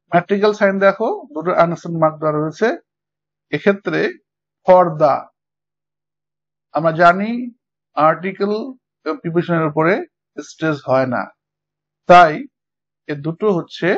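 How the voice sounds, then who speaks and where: A man teaching English verse meter in a Bengali-accented online lecture, patiently explaining and often checking whether his students follow. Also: sits high. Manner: patient, checks understanding with frequent "okay?". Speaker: English literature tutor. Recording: dull lo-fi recording.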